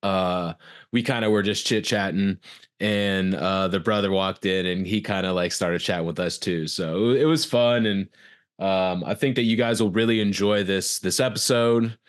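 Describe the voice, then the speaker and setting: Low-voiced man co-hosting a chat podcast. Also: moderate pace. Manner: rambling, filler-heavy, upbeat. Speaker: podcast co-host. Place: Atlanta.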